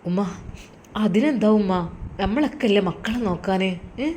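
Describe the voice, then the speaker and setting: A woman's voice: mid-range voice, animated, moderate pace, warm tone, slight background noise, natural voice. A woman voicing a caring grown son. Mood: comforting. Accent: Malappuram Malayalam. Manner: earnest, comforting. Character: caring adult son, gently reassuring.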